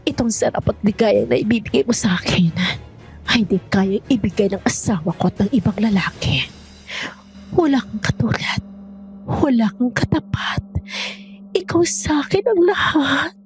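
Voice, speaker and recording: A woman voicing a secretive, seductive wife in an audio horror drama, talking in a breathy, whispered way. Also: a little high, animated, normal speed, soft background music, natural voice.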